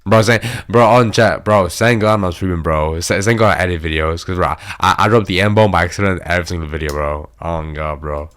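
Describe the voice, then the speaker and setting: Excitable young man saying "bro" nonstop. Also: low-pitched, brisk, few pauses. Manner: excitable, says "bro" constantly, swears freely. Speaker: YouTube reaction host. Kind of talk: casual reaction commentary.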